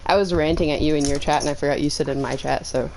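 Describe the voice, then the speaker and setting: A woman's voice: low voice, fairly even intonation, quick pace, creaky, a little mellow, a little hiss or hum, low-quality recording. A woman streamer, out of breath, ranting casually to her chat on a headset mic and acting out quotes as she tells a story.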